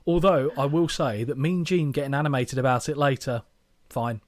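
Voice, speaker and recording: A man's voice: medium pitch, normal speed. A man co-hosting a podcast, talking in a sarcastic, jokey way with plenty of swearing. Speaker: podcast co-host. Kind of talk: casual chat.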